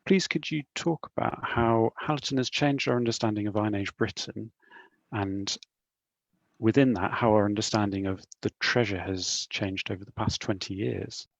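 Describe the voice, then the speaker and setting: Guy moderating a panel, gravelly low voice, polite, bit tongue-tied. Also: normal speed, no room sound, lo-fi sound.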